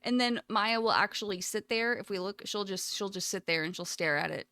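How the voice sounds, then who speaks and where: A woman's voice: mid-range voice, brisk, no room sound. A woman livestreamer chatting casually with her viewers in an informal, affectionate, rambling way, often giggly. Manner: giggly, frequently breaking into loud laughter. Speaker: live streamer. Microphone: close USB microphone.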